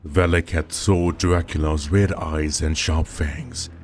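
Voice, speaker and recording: Deep-voiced man narrating a horror story. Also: steady tone, takes it slowly, darkish tone, faint music behind.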